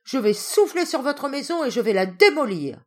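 A woman voicing a greedy, menacing male wolf in a storybook reading, speaking slowly and loudly. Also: on the high side, sing-song, voice pushed up.

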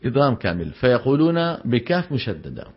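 A man's voice: medium pitch, sing-song, a little fast, slightly rough, muffled recording. Man teaching recitation rules. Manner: explanatory, quizzing students with rhetorical questions. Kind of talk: tajweed lesson with recited examples.

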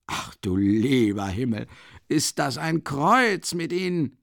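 Guy doing a sly mocking investigator, gravelly voice, swings up and down a lot, audiobook. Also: medium pitch, big pitch swings, normal speed, no room sound, studio quality. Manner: teasing, jovial, needling questions. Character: sly mocking middle-aged male investigator.

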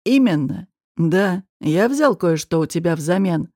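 A woman reading an audiobook voices a domineering, menacing man who talks in a low, slow, mocking, threatening way. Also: warm tone, dry recording, clean studio sound, natural voice.

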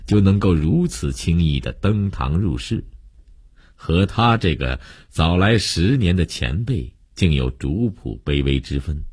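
A man narrating a story in a steady, measured audiobook style. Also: a bass voice, slightly rough, no echo, clean studio sound.

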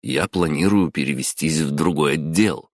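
A man voicing a cocky young office trainee in an audiobook, who speaks calmly and smugly and turns coldly menacing. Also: rumbling low, moderate pace, dry recording, studio quality. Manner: calm and smug, turning cold and menacing.

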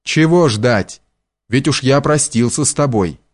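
A man voicing a conceited young valet who talks down with pompous, drawn-out condescension. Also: mid-range voice, lively intonation, close to an everyday voice. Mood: condescending.

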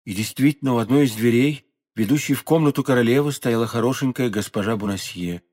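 This is an audiobook of a classic novel, voiced by a man whose mid-range delivery is expressive yet measured.

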